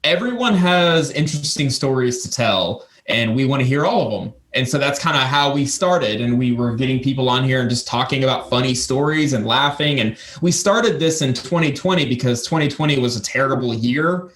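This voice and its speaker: A man's voice: medium pitch, expressive, a little fast, few pauses, fairly bright tone, roomy sound. A man co-hosting a casual podcast, eager and full of restarts. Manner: enthusiastic, stumbling restarts. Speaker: podcast co-host.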